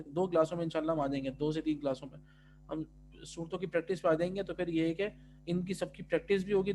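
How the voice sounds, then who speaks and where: A man teaching pronunciation in an online class, stretching out individual letter sounds loudly between calmer explanations. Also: a little high, slight background noise. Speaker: tajweed teacher.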